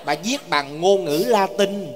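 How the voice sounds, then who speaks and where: A man's voice: high-pitched, lively intonation, a little slow. A man playing a whiny young husband who mocks his family in a live stage comedy sketch. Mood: complaining. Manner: whiny, mocking. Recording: live stage with loud audience noise.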